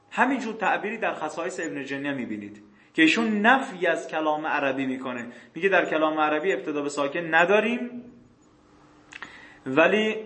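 Higher-voiced man lecturing in an echoey room. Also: a bit bright. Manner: asks questions and answers them himself; clears his throat often. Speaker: teacher. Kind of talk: classroom lecture on grammar texts.

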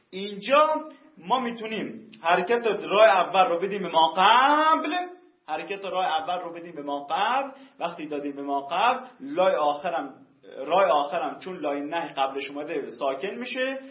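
Male teacher, high voice, muffled lo-fi classroom recording; patient grammar explainer. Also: roomy sound. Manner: slow drawn-out spelling of example words.

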